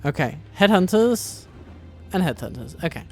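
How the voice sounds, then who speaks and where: Homme bavard commentant sa partie. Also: male voice, high-pitched, big pitch swings, normal speed, soft background music. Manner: chatty, self-deprecating, thinks aloud. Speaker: host and strategy game player. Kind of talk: casual gameplay commentary.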